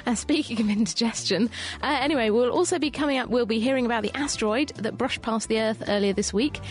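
A woman co-presents a science show with a fairly high voice. Her delivery is light, wry and jokey, with music playing softly behind her. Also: fast.

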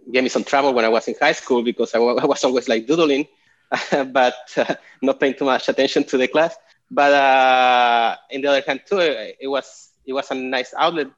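Chilean-born man, halting over a call. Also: medium pitch. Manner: halting, many fillers and restarts. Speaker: guest artist. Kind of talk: casual interview. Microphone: video call. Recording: dull lo-fi call audio.

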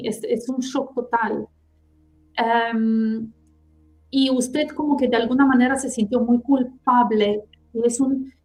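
A woman with a fairly high voice, telling a past-life reading in slow, searching phrases. She keeps pausing and checks in with her listener. Faint music plays underneath. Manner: speaks in halting, searching phrases, often checking in with "¿sí?". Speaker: clairvoyant guest.

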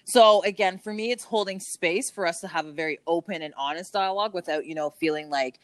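A woman with a lowish voice hosts a casual podcast interview at a brisk pace, bubbly and laughing often as she addresses her guest warmly with affectionate pet names. There's no room sound.

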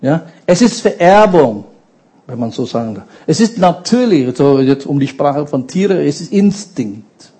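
Man, preacher, sermon, high voice, slow deliberate delivery, asks the congregation questions. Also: a little mellow, husky, rough recording.

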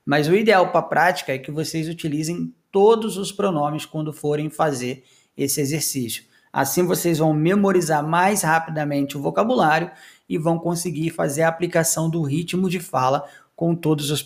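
A man teaching English to Portuguese speakers, modeling short phrases slowly and repeating each one twice. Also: a little high, creaky. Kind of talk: language lesson with repetition drills.

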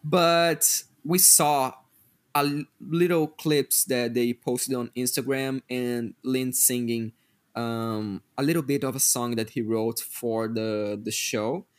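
A man's voice: mid-range voice, steady tone, slow pace. A man co-hosting a podcast, chatting casually and thoughtfully. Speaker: podcast co-host. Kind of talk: casual chat.

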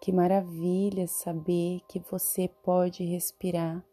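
A woman guiding a breathing meditation, speaking slowly and soothingly, sometimes dropping to a whisper. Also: on the low side, level tone, faint music behind. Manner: slow, soothing, drawn-out phrasing with soft whispered words. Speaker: meditation guide.

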